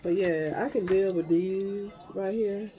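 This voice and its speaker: A woman's voice: medium pitch, steady tone, unhurried, noisy background. An older woman, rambling casually to her viewers in a crafting vlog as she sorts through her supplies. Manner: rambling, talking to herself while sorting crafts. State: stuffy nose. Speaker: crafting vlogger.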